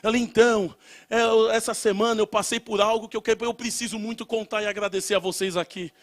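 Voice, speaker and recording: A young man preaching, telling a testimony and rising into loud shouted prayer. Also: high-pitched, steady tone, fast. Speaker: pastor. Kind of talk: sermon.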